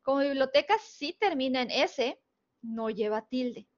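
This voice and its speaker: A woman's voice: high-pitched, animated, unhurried. A woman with a northern Mexican Spanish accent teaching a spelling lesson, patiently explaining rules step by step and checking in with her students. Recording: dull, lo-fi recording.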